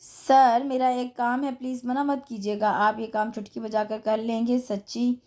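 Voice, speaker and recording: A woman's voice: a little high, steady tone, unhurried, mellow, lightly acted. A woman voicing a flustered but feisty young female office worker who chatters nervously.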